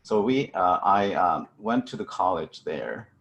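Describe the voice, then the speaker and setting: A middle-aged man from China with a Chinese accent, giving a halting seminar talk over a video call with many fillers and restarts. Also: low voice, lively intonation, fairly bright tone, dull audio. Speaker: guest speaker.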